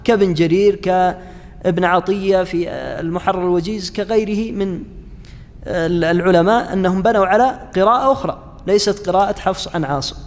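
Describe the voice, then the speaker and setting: A man teaching a class on Quranic interpretation, pausing often with fillers and restarts and asking his students questions. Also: sits high, long reverb tail. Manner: halting, frequent fillers and restarts, chats with students. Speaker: Islamic studies lecturer.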